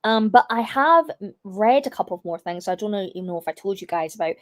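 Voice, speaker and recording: A young woman hosting a casual livestream, chatty and full of fillers, her voice still a little croaky from a cough. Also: medium pitch, animated, fast talker, dry recording. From United Kingdom. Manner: chatty, reads chat comments aloud, many fillers. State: slightly croaky from a lingering cough. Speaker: livestream host.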